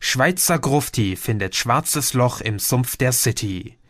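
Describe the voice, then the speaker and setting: A man's voice: medium pitch, normal speed, lightly acted. A man reading an audiobook, voicing a grumpy young man who grumbles and mocks. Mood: grumbling. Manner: grumbling, mocking.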